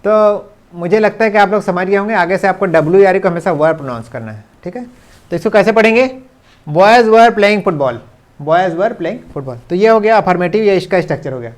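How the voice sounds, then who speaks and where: A man teaching English grammar in a video lesson, explaining patiently and slowly repeating English example sentences. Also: sits high. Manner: mixes English sentences into his speech. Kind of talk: classroom-style video lesson.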